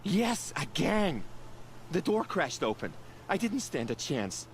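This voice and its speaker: A fretful village herb gatherer. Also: male voice, a little high, very animated, slow, full character voice. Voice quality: grumbling, fretful. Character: frightened middle-aged male village herb gatherer. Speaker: game character. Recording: game audio with faint background noise.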